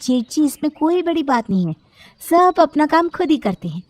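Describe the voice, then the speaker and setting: A woman voicing a sarcastic, dismissive young sister-in-law in an animated storybook. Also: high-pitched, normal speed, no room sound, pitched above the performer's own voice.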